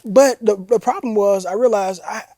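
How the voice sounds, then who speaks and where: High-voiced mellow young man, earnest. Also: moderate pace, no echo. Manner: earnest, reflective, frequent uh fillers and repeats. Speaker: guest, university executive. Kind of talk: casual interview chat.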